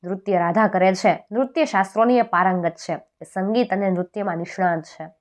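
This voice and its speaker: A woman's voice: mid-range voice, fairly quick, close to an everyday voice. A woman voicing a curious male palace doorman, asking questions in a puzzled way.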